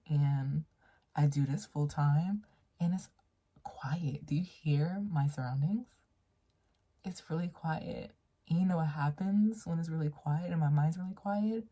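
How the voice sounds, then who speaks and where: Woman, late twenties, casual tarot reader, playful and chatty, lowish warm voice. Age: late 20s. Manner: chatty, playful, laughs often, talks straight to the viewer. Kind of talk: casual tarot reading to camera. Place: very quiet room at home.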